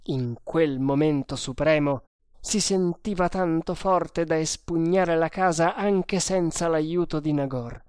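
Low, slow woman reading a novel aloud. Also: darkish tone, smooth, no echo, clean studio sound. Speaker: audiobook narrator. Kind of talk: scripted narration of an adventure novel.

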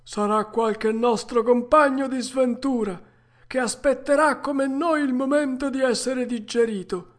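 A woman's voice: high-pitched, pitched above the performer's own voice. A woman voicing a resigned, philosophical old male tuna with a harsh, cracked voice, reading a storybook aloud. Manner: slow, grave and sententious.

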